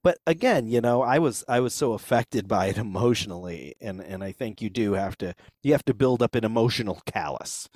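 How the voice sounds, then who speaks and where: A man's voice: on the low side, animated, fairly quick, few pauses, a little mellow. A man hosting a casual chat, laughing often and acting out the voices he quotes.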